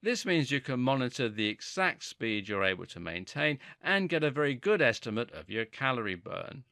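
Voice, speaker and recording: A man narrates scripted fitness instruction with a bright, forward tone and very animated intonation. He explains each point articulately, and the sound is dry and close, free of room reflections. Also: mid-range voice, moderate pace, no echo.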